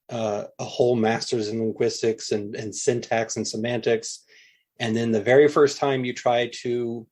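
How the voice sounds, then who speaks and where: A man's voice: mid-range voice, a little mellow. A middle-aged man, a linguistics professor, answering interview questions in a thoughtful, conversational way with frequent fillers and restarts.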